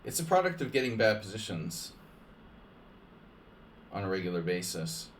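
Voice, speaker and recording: A man streams chess matches against his audience, talking loosely with plenty of "like," restarts and joking asides. His lowish voice swings widely in pitch at a normal speed, and there's a little hiss or hum.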